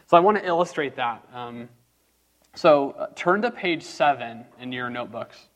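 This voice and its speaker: A man teaching a church group in a relaxed, conversational way, with lots of fillers and quick asides. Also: mid-range voice. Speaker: pastor teaching a class. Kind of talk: casual sermon-style teaching.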